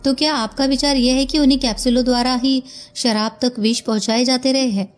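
A woman's voice: high voice, fairly even intonation, brisk, soft background music, close to an everyday voice. A woman voicing a curious young male detective's assistant who asks eager questions.

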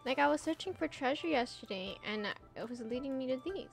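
Brisk and expressive, this high-voiced young streamer talks animatedly with her chat during gameplay, laughing a lot and letting sentences fade into fillers. Vocal fry colors her voice, and faint music plays behind.

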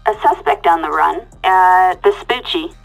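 A clipped police radio dispatcher. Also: female voice, lowish voice, animated, unhurried, creaky, soft background music, poor audio. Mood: urgent. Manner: clipped, urgent radio commands. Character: female police dispatcher calling all units. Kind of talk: game dispatcher radio call.

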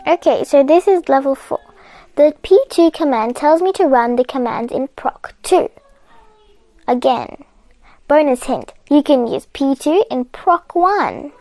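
Woman, high voice, slow unhurried pace, game walkthrough tutorial, patient, shrugs off her slips. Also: sing-song, mellow, dry recording. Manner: patient and chatty, laughing off her own slips. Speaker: coding tutorial host. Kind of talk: step-by-step game walkthrough narration.

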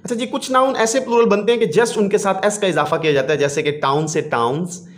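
Echoey man teaching an English lesson. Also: high-pitched. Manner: reads English lines slowly, then explains quickly, often asking "जी". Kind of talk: classroom lesson explaining English in Urdu. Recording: echoey room.

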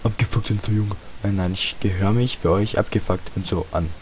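A 14-year-old boy hosts a gaming video, giving casual, rambling Let's Play commentary that's slangy and self-deprecating. His voice is on the low side, fairly quick, and slightly hoarse from a sore throat. A home computer microphone adds hiss and steady noise.

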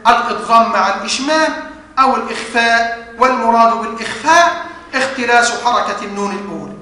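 A male university lecturer with an Egyptian accent, explaining step by step and slowing down to spell out words. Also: very high-pitched, pushed and bright. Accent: Egyptian Arabic. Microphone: studio lecture recording. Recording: echoey hall reverb.

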